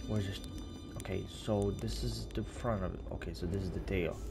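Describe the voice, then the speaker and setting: A man hosting a let's play, excitable and swearing, with sudden shouts. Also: low voice, normal speed, creaky, loud music behind the voice. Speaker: gaming channel host.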